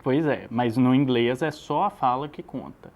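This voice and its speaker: A man's voice: mid-range voice, moderate pace, low-quality recording. A man teaching an English lesson, explaining patiently and checking that his student follows.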